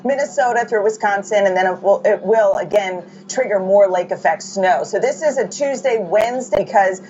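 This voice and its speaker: A woman's voice: mid-range voice, moderate pace, darkish tone. A woman from the Boston area anchoring a live morning news show in a loose, chatty way. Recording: dull lo-fi broadcast with faint noise.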